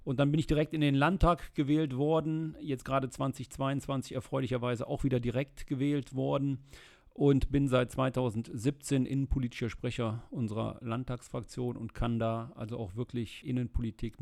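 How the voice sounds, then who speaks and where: A middle-aged man from the Rhineland talks in a casual interview. His voice is gravelly and mid-pitched. He answers at length in a steady way, dotted with filler sounds. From Germany, Rhineland. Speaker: interview guest, state politician.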